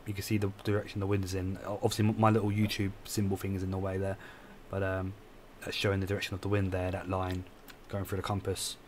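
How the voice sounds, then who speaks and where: Brief: low, flat-voiced man, tired streamer talking through his gameplay at a desk, faint hiss behind. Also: fast, hardly any pauses. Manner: rambling, self-correcting, explains as he plays. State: tired, yawning. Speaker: game streamer. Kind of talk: casual live gameplay commentary.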